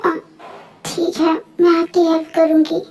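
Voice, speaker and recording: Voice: very high-pitched, monotone, a little slow, a little mellow. A dubber voicing a spirited young woman wedding planner in a fan dub, mixing English phrases into Hindi. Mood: shocked.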